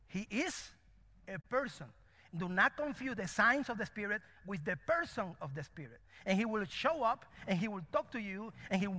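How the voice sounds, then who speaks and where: Animated preacher with a Cuban-born lilt. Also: male voice, sits high, in a large hall. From Cuba. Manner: animated, dramatic preaching with acted-out voices. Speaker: pastor. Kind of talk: sermon.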